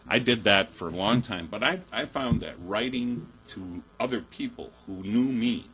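A man's voice: fairly low pitch, fairly bright tone, rough recording. Earnest male activist giving a speech. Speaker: activist speaker. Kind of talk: public speech.

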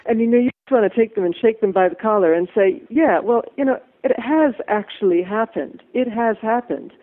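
A middle-aged woman with a mixed American and Irish accent, a musician chatting on a phone interview, upbeat and quick to laugh. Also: fairly high pitch, expressive. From USA. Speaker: musician guest. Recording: tinny phone line.

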